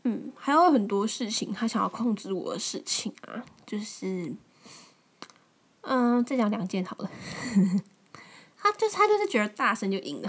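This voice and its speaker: A young woman in her twenties from Taiwan, hosting a podcast and telling a personal story in a loose, conversational way, full of fillers and restarts. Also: mid-range voice. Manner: conversational, many fillers and restarts, rises when retelling angry lines. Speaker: podcast host. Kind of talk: casual storytelling monologue.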